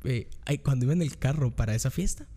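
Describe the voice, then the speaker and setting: A young man with a Guatemalan Spanish accent telling a story in casual chat, acting out his own reactions in high squeals. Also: fast talker, warm tone.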